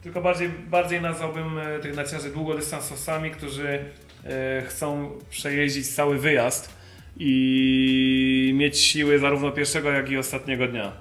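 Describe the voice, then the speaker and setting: A young man speaks in a fairly high but flat, even tone, laying out a ski review in a measured way and pausing now and then to find the right word. His voice carries the echo of an indoor shop, with faint music behind him. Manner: measured, explanatory, pauses to find words. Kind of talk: product review.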